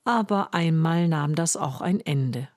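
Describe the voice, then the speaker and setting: Slow, soft-spoken woman storyteller. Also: deep voice, no echo, clean studio sound. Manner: slow, soft, often half-whispered. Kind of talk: fairy-tale narration to children.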